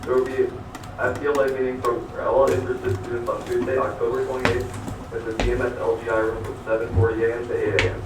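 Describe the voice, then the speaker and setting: A man reading school announcements over an intercom loudspeaker, going steadily through notices and lists of names. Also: mid-range voice, monotone, fast. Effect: heard over a school intercom loudspeaker. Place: classroom, played through a wall speaker. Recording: echoey, distant intercom speaker with noise.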